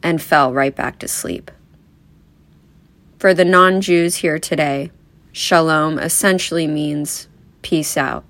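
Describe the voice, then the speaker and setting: A young woman speaks at a memorial, delivering a eulogy full of wry, gently humorous stories. Her voice sits low for a woman. The sound is dry and close, with no room echo. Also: steady tone, slow pace, long pauses. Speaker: granddaughter giving a eulogy. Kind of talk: eulogy speech.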